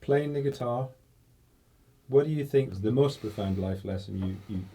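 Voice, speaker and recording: A man interviewing a guitarist and asking questions in a measured, slightly formal way. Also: medium pitch, mellow, slightly rough.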